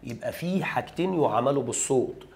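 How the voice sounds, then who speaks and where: A man with an Egyptian Arabic accent teaching an English grammar lesson, talking lively and straight to the students, asking questions and answering them himself. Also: mid-range voice, fast, gravelly.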